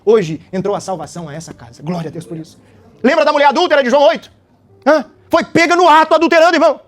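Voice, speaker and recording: A man, preaching an animated, dramatic sermon and often tossing out little tag questions. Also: very high-pitched, fast talker.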